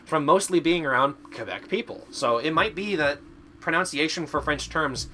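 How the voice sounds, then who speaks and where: A man's voice: fairly high pitch, moderate pace, bright, forceful tone, slight background noise. A man from Canada doing live game stream commentary, chatting away and playfully arguing with his chat as he reads it aloud.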